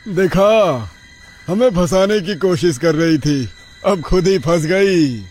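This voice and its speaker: A man's voice: high-pitched, lively intonation, slow, darkish tone, soft background music, exaggerated voice. An actor playing a crude young male thug in a horror story, talking with a mocking, lewd swagger. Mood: taunting. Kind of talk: dramatized horror story voice acting.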